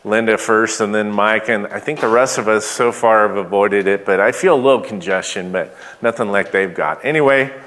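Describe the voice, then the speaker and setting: A man speaking as pastor, giving church announcements in a halting way, with many pauses and fillers. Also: fairly low pitch, fairly bright tone. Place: church sanctuary. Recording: long church hall reverb.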